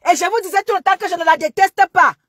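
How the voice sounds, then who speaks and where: A Cameroonian woman with a Cameroonian French accent and a high voice lectures her followers in a long, scolding monologue. She keeps repeating her warnings. The sound is dry and close. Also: fast, fairly bright tone, no room sound. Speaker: social media commentator.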